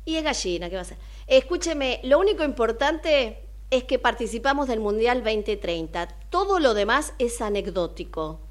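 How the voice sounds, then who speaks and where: An Argentine woman hosting casual radio chat, teasing and colloquial, with a hoarse duck-like voice from a cold. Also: a little high, lively intonation, moderate pace. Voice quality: hoarse, ducky croak from a cold. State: has a cold with a cough. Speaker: radio show host.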